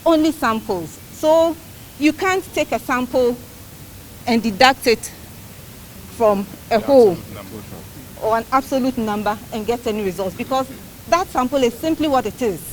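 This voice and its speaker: A woman with a Ghanaian accent giving a press briefing as a party spokesperson, speaking emphatically and deliberately, point by point. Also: fairly high pitch, animated, slight background noise, low-quality recording. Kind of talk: press briefing on a court case.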